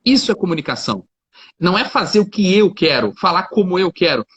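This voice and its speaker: This guest, a lawyer, talks briskly in a high-pitched, slightly bright voice with big pitch swings. He's chatty, explains with everyday examples and leans on fillers like "cara" and "né," over slight background noise in a dull lo-fi recording.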